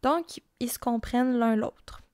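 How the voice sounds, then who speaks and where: A Québécois woman with a high, bright-pitched voice narrates a true-crime case for her podcast. She talks casually, with small fillers and asides. The sound is close and dry, with no room around her. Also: measured pace, smooth, dry recording. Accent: Québécois French. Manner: casual, chatty storytelling with frequent fillers. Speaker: podcast host and storyteller.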